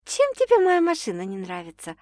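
A woman's voice: wildly swooping pitch, a little fast, dry recording, studio quality. A woman voicing a young pregnant bride-to-be in an audiobook, nervous but cheerful. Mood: teasing. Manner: bright, higher girlish delivery.

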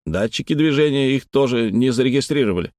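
A man's voice: medium pitch, animated, fast, a little mellow, no echo, clean studio sound, voice pushed up, lightly acted. A man doing a flustered engineer, slightly raised. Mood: defensive. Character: flustered male park engineer on radio.

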